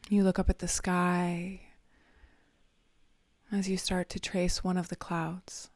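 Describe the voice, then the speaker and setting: Slow, flat, half-whispering woman meditation guide. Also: on the low side, no echo, clean studio sound. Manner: soft, half-whispered, soothing delivery with long pauses.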